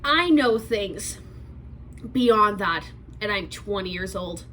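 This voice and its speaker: A twenty-year-old woman giving a sarcastic commentary vlog, rambling fast and correcting herself as she goes. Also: mid-range voice, animated, fairly bright tone, a little hiss or hum, rough recording. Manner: sarcastic, rapid rambling with restarts. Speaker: commentary YouTuber.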